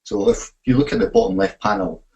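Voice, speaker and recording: A man's voice: a little high, sing-song, brisk, creaky, a little mellow, poor audio. A man with a broad Scottish accent giving a technical webinar presentation, talking with frequent fillers and self-corrections. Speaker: imaging facility manager presenting a webinar.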